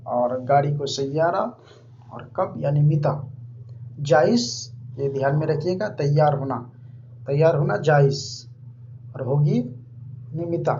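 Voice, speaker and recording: Guy teaching vocab, says every word over and over, mellow voice, muffled lo-fi audio w/ a bit of hum. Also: a little high. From India. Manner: repeats each word several times, slow and deliberate. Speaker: language teacher. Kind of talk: informal vocabulary lesson. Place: living abroad in Saudi Arabia. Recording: dull lo-fi recording with faint hum.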